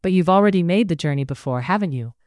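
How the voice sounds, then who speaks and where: Kitty, a bubbly forward young woman chirping high and bright in a storybook reading, as the narrator puts her on. Her voice comes out smooth and close, with a dry sound. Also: expressive, fast, no room sound, lightly acted. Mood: eager.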